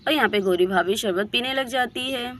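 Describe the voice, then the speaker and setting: A woman's voice: on the high side, fairly quick, fairly bright tone. A woman narrating a doll story for children in a plain storytelling manner.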